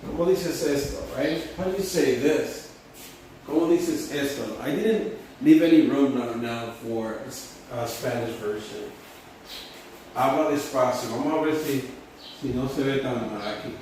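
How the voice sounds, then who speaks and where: A man teaching English phrases at a whiteboard, switching between English and Spanish and repeating each phrase slowly several times. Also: medium pitch, darkish tone. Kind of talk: bilingual whiteboard lesson. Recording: roomy, distant mic, faint background hum.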